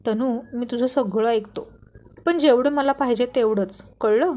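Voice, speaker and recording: A woman's voice: on the high side, a little slow, dark tone, natural voice. A woman voicing a playful, stubborn young husband who teases his wife in a laid-back tone. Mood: teasing. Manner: laid-back and teasing, mixes in English words.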